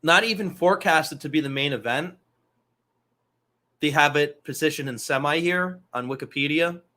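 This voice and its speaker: Man, thirties, casual host chat, rambling, swears freely, bright tone. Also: a little high, normal speed. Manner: loose and profane, rambling asides. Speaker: podcast host.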